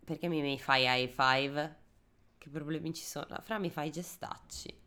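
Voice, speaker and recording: A woman's voice: sits low, moderate pace, bright, forceful tone, smooth. A young woman co-hosting a podcast, chatting casually with sarcastic quips, swearing and laughing. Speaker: podcast co-host. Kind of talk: casual chat.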